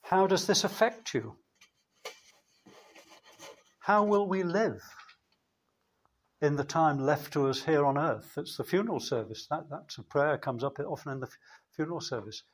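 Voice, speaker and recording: A man preaching a sermon in a church, slow and measured, with emphatic pauses. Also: a little high, animated, breathy edge.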